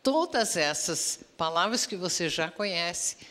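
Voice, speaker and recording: Slow, lively Brazilian woman teaching English. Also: on the low side, long reverb tail. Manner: slow, clear modeling of English words for repetition. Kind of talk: bilingual pronunciation lesson.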